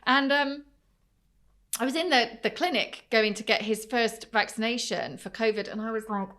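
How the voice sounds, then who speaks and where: A middle-aged woman in a casual podcast chat, speaking in a fairly high voice. She tells her stories with animation and slips into quoted voices of the people she describes. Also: moderate pace, pushed and bright. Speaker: podcast co-host.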